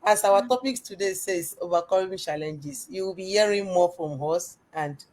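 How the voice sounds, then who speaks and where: A woman's voice: on the low side, normal speed, darkish tone. A woman from Nigeria, speaking earnestly and emphatically about her faith on a live show.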